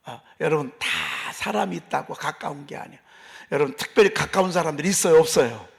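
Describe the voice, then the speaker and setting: In a church sanctuary, a male pastor preaches a dawn service sermon in a folksy, emphatic way, repeating phrases and asking the congregation questions. His voice is on the high side, animated, fast and creaky.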